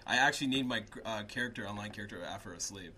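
A man's voice: lowish voice, rapid-fire, crowd noise. A young man chatting casually as a co-host, emphatic and slangy, often repeating himself. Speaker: podcast co-host. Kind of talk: casual chat.

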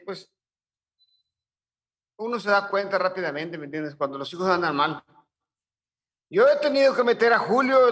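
A middle-aged man with a Mexican accent speaks as an interview guest. His voice sits high and sounds bright and sharp. He talks in coarse slang and stumbles through repeated restarts. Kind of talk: casual interview storytelling.

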